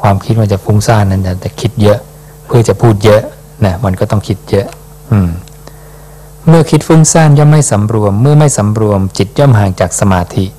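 A man who is a Buddhist monk speaks on the low side with lively intonation. Unhurried, he reads scripture and explains it in a dhamma talk, ending phrases with a soft questioning particle.

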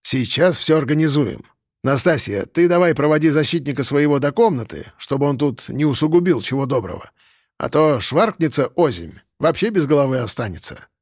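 A man voicing a gruff, bossy watchman of about fifty. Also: fairly high pitch, animated, normal speed, a little mellow, no room sound, studio quality. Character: man around fifty, stern and fussing watchman.

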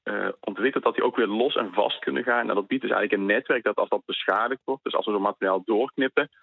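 A man's voice: fairly low pitch, quick pace, gravelly, no echo. Guy on a phone line into a radio show, tinny and dry, explaining stuff with lots of uhs. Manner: explanatory, hesitant with many fillers. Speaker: university researcher interviewed by phone. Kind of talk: phone interview.

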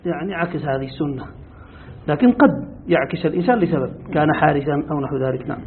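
A man's voice: on the high side, quick pace, a little hiss or hum. A man, a sheikh, teaching Quran commentary and explaining points to his students. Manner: explains and adds points, ending with a confirming word. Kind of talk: explanatory religious lesson. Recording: tinny phone-like lo-fi audio.

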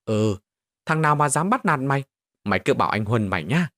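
A man voicing a poor, tough boy who acts as a protective big brother, talking in a gruff, bossy way. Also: mid-range voice, big pitch swings, fairly quick, fairly bright tone, no echo, clean studio sound.

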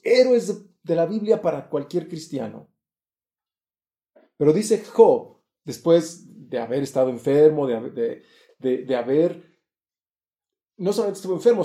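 A man preaching a sermon, earnest and emphatic, his voice rising louder and higher on key points. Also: roomy sound.

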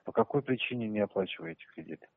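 Male debt collector, bureaucratic and pushy, deep gravelly tone, crackly tinny phone call. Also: fast talker. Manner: stiff, bureaucratic, insistent. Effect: crackly phone line. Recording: narrow crackly phone line.

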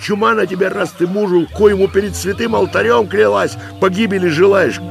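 A man's voice: low-pitched, fairly even intonation, measured pace, pitched above the performer's own voice. A man voicing a scrawny, cantankerous old man who jeers and curses in an audiobook, with music behind. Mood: furious. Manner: jeering, cackling, abusive.

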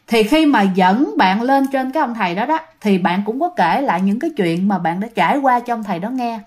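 A young woman with a Southern Vietnamese accent telling a ghost story in a chatty, casual way, with many fillers and repeated words for suspense. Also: on the high side. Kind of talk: casual spoken storytelling to listeners.

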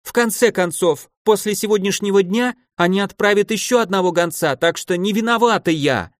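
Brief: male narrator puts on a sulky, stubborn demon girl, pitched high, dry close audiobook sound. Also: fairly quick, no room sound, lightly acted. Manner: stubborn, whiny.

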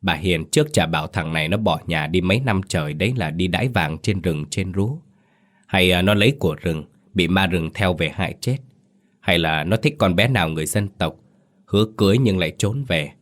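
A gossiping village man muses aloud in a deep, low voice, as the narrator plays him, pausing with hesitant fillers. He sounds close to the narrator's own plain telling. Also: natural voice. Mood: gossipy.

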